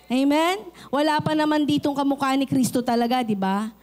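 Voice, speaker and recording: A middle-aged woman pastor with a Filipino accent, preaching a sermon and telling lively personal stories. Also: high-pitched, brisk. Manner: animated storytelling, acts out quoted voices.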